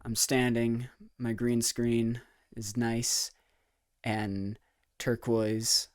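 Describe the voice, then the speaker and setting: A man's voice: mid-range voice, little pitch movement, extremely slow, clear, resonant tone, dry recording. A man doing a rambling, comedic mic test in a goofy, playfully theatrical manner, close on the microphone. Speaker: video creator.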